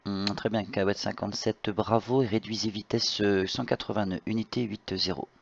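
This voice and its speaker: A man with a lowish, creaky voice works as an air traffic controller, giving halting procedural instructions. The audio is slightly dull, like lo-fi voice chat. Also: steady tone. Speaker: tower air traffic controller in online flight simulation. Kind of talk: procedural radio instructions with informal asides.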